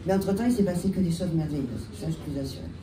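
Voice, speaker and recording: Speaking on a panel, this bar owner tells her own story in a fairly low, expressive voice with a French accent, stuffed up by a cold. She stops and restarts often and leans on fillers. Captured by a distant mic, the sound is echoey and thick with loud background noise.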